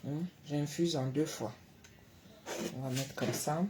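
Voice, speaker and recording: A woman hosting a late-night live stream from home, reading out viewers' names and answering them, swinging between soft murmurs and loud exclamations. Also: low-pitched, slow, noisy background. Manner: reads out and answers viewers by name. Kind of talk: casual live-stream chat. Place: her home at night, indoors.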